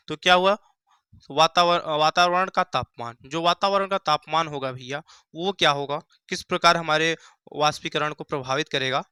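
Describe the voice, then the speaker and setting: A man's voice: fairly high pitch, pushed and bright, smooth, no room sound. A young man teaching a Hindi science lesson at a board, who asks the class questions and answers them himself, repeating key phrases. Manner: repeats key phrases, calls students "bhaiya" and "mere bhai".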